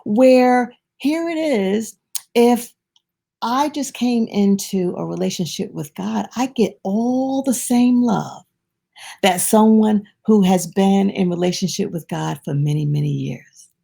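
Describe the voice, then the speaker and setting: A woman giving an inspirational devotional talk, retelling a parable in a lively storytelling way, with frequent restarts and personal asides. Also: medium pitch, slow pace, vocal fry. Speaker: inspirational speaker.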